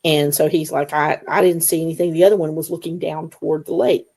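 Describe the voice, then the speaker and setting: A woman guest on an interview show, telling her story in a casual, animated way and acting out the dialogue. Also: low-pitched, fast talker. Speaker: guest, Bigfoot investigator.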